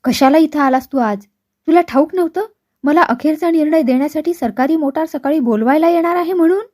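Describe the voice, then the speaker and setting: A woman voicing a stern, angry older father who shouts and scolds his son harshly. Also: sits high, moderate pace, natural voice. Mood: furious scolding.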